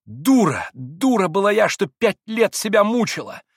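A man reading an audiobook, voicing a proud young woman in bitter, shrill outbursts. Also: big pitch swings, moderate pace, slightly rough, no room sound, clean studio sound, full character voice. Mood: bitter anguish. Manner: shrill, self-lashing outbursts.

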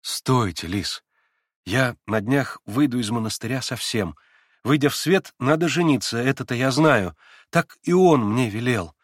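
Male reader as a soft-spoken, bashful young man, middle voice, dry sound. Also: medium pitch, expressive, unhurried, dry recording. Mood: thoughtful. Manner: soft, thoughtful, a little bashful. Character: gentle earnest young man, sincere. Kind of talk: audiobook character reading.

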